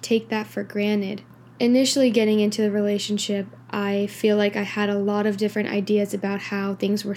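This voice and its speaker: A woman's voice: medium pitch, dark tone. A tired young woman hosts her own podcast late at night. She talks candidly and rambles, leaning on "like" and "you know" as she goes. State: tired, yawning. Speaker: podcast host. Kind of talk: casual solo podcast monologue.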